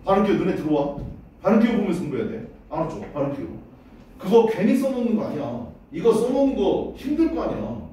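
A man's voice: high voice, very animated, fast talker, warm tone, a little hiss or hum. A man teaching English pronunciation in a classroom lesson. He casually drills words aloud and keeps checking that his students follow. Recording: roomy echo, voice far from the mic.

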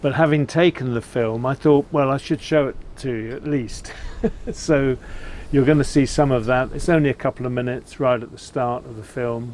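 A man's voice: mid-range voice, fairly even intonation, normal speed, few pauses, darkish tone. An older man with an English accent, chatting casually and plainly to camera as he hosts a vlog about his trip. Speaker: vlog host. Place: outdoors, seated beside a narrowboat. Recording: clear outdoor ambient noise.

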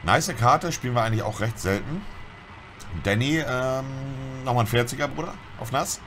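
A man's voice: medium pitch, normal speed, over music. A young man giving casual, slangy, grumbling gameplay commentary as a streamer among friends. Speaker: gaming streamer.

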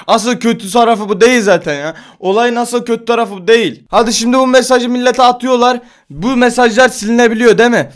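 Young male vlogger, high voice, exasperated rant full of curses. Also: brisk, hardly any pauses. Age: 20s. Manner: exasperated, ranting, swearing, repeats himself. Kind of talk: casual ranting vlog.

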